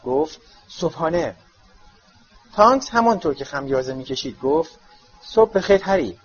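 A man narrating a storybook in an expressive, storytelling way. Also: mid-range voice. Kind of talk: audiobook reading. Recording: slightly muffled audiobook with faint music.

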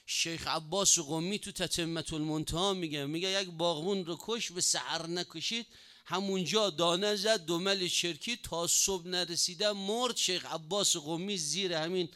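A man preaching a sermon, telling a story with emphatic, drawn-out lines. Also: high-pitched, pushed and bright, smooth.

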